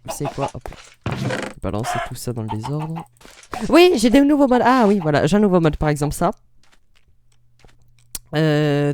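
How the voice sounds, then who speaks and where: A man's voice: mid-range voice, background noise. A man hosting a casual let's-play, rambling in self-interrupting, jokey asides as he comments on his game. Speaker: gaming channel host.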